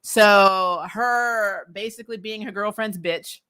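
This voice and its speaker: Slowly, in a clear, resonant mid-range voice with a sharp edge, the comics TV recap host talks to her livestream audience. She is blunt and opinionated, swears casually, and laughs a lot as she goes.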